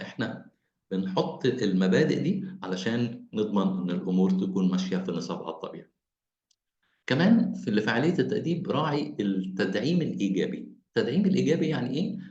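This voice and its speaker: A man with an Egyptian Arabic accent giving an online parenting lecture, explaining things with animated repetition over a video call. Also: medium pitch, echoey room, dull audio. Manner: animated, explaining with repeated phrases.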